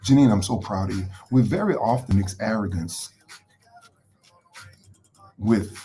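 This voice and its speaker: A man's voice: fairly low pitch, a little slow, warm tone, soft background music. A man hosting a live motivational talk. He speaks conversationally, repeats phrases for emphasis and greets viewers by name as he goes. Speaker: motivational host.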